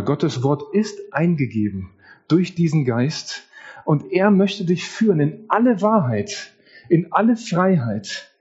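A man's voice: fairly high pitch, a little mellow, husky, highs cut off. A man preaching a sermon, telling a story in an earnest way straight to the congregation.

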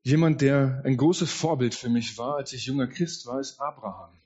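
Husky-voiced man preaching a sermon. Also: medium pitch, moderate pace, darkish tone. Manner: earnest, speaks straight to the congregation. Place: church service. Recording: dull lo-fi sound.

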